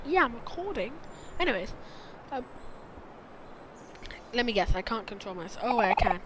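A woman's voice: on the high side, big pitch swings, normal speed, a little hiss or hum. A young woman hosting a casual let's play, chatty and goofy, often cutting herself off with sarcastic asides. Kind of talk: casual gameplay commentary. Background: loud game music.

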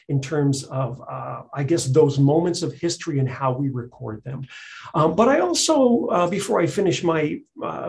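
A man's voice: on the high side, gravelly, a little mellow. Conversational man hosting an interview. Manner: conversational, hesitant, many fillers. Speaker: event host and interviewer. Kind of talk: live onstage interview.

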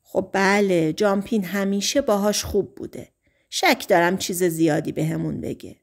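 A woman voicing a skeptical, measured male sheriff in an audiobook, asking slow, doubting questions. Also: mid-range voice, fairly even intonation, gravelly, lightly acted.

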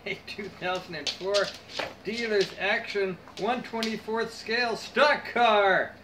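A woman's voice: mid-range voice, slow pace. A middle-aged woman chatting casually as she unboxes a gift package, reading labels aloud and musing. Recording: home recording with clear background noise.

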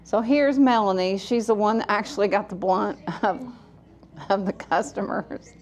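A woman who runs laundromats films a vlog inside one of them, talking to the camera in a chatty, step-by-step way. She speaks at a moderate pace in a mid-range voice.

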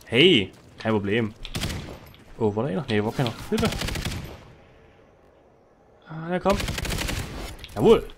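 A man giving excitable live commentary over his own gameplay into a headset microphone, calling out wins and losses. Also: medium pitch, slow pace, long pauses, noisy background. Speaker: gaming commentator.

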